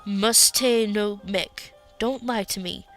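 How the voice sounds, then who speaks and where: A woman's voice: medium pitch, takes it slowly, fairly bright tone, soft background music. A woman reading the part of a protective male elf who worries over his sister and threatens a guard. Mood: worried.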